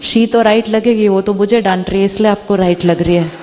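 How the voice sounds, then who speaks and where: A woman spiritual teacher giving a talk to an audience, mixing Hindi and English, slowing down on the English phrases and asking rhetorical questions. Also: medium pitch, steady tone, darkish tone, in a large hall, slight background noise.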